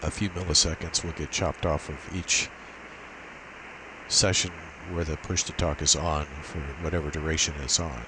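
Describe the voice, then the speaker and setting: Step by step and without a script, a deep-voiced amateur radio demonstrator explains a technical setup at normal speed. His low-pitched, methodical delivery carries a clear, steady hiss in the background.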